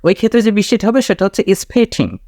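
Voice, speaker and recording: High-voiced man teaching, dry sound. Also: huge pitch swings, a little mellow, no echo. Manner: explains slowly, repeats key words and checks with "okay?". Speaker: English teacher. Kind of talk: casual spoken lesson.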